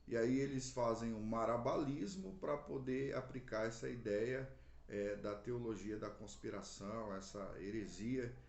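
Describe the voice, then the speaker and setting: A man's voice: mid-range voice, a little mellow. A man with a Brazilian accent giving an earnest Bible lesson, often repeating words as he explains. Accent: Brazilian Portuguese. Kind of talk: explanatory Bible teaching to camera. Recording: roomy echo.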